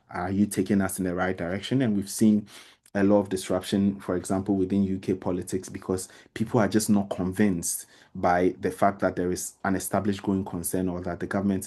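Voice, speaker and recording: A man's voice: sits low, dark tone. A man teaching as a debate trainer in an informal explanatory lecture, repeating phrases for emphasis and speaking directly to his listeners. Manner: addresses listeners directly with everyday examples.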